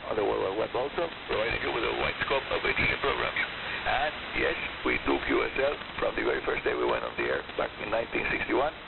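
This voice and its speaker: Static and hiss fill the background as a gravelly man of medium pitch presents a scripted show over shortwave radio. He is the programme's host, and the narrow-band broadcast sounds hissy.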